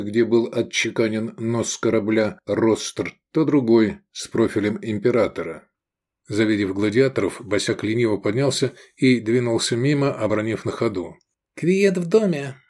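A man narrating an adventure novel aloud as an audiobook, switching into voices for the characters. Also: lowish voice. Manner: lively storytelling, voices the characters. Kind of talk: scripted narration.

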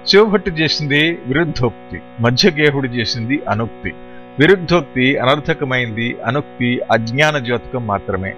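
Man narrating a storybook over faint music. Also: mid-range voice. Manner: steady, explanatory storytelling. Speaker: audiobook narrator. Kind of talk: scripted narration.

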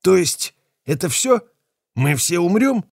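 A man voicing a rough-voiced, weary male mutiny leader who pleads and bargains. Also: high voice, big pitch swings, slow, dry recording, studio quality, voice pushed up, exaggerated voice. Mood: pleading. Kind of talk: audiobook character voice.

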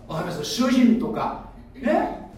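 A man's voice: extremely high pitch, huge pitch swings, slow, a little mellow, a little hiss or hum. A man preaching a sermon, explaining like a teacher and asking the audience questions. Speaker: pastor. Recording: echoey room, voice from far off.

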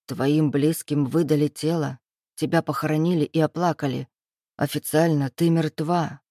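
A woman reading an audiobook voices a curt, self-assured man in power, speaking low, clipped and matter-of-fact. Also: fairly even intonation, moderate pace, mellow, no room sound, studio quality. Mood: measured.

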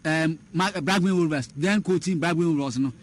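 A man discusses football in a radio sports chat, rattling along fast and restarting phrases as he goes. His voice sits a little high, and his talk slides between Twi and English. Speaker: sports pundit.

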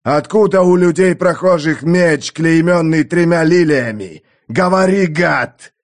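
A man's voice: on the high side, expressive, a little slow. A man narrating an audiobook, putting on the snarling, threatening voice of a brutal old mercenary. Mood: menacing, furious. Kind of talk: audiobook character voice.

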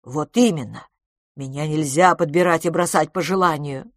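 A woman's voice: low voice, normal speed, dry recording, clean studio sound. A woman voicing a brusque, jealous young suitor with a hot temper in an audiobook. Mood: indignant. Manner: brusque, challenging.

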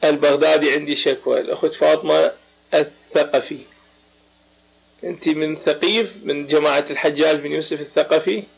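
He has a fairly high, fairly even voice with vocal fry and a breathy edge, and he talks a little fast. Hosting a live religious debate chat over lo-fi online voice chat while sick with a cold, this Baghdad native with an Iraqi accent speaks emphatically and affirms often in short bursts.

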